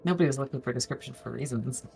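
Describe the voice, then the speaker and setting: A woman's voice: a bass voice, very fast, vocal fry, a little mellow, faint music behind. A woman chatting casually as a player at a tabletop game. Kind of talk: casual chat. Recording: faint background noise.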